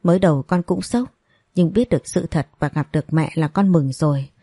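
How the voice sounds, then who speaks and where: A woman's voice: on the low side, fairly quick, husky, dry recording, studio quality. A woman voicing a tender grown son. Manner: gentle, reassuring. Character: tender grown son reunited with his mother.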